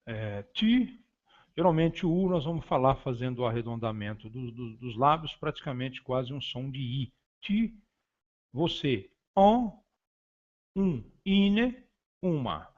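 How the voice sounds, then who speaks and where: Slow, lo-fi male language teacher. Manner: says each French word then its translation; stressed French words said louder and higher. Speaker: French teacher. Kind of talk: beginner language lesson, reading vocabulary.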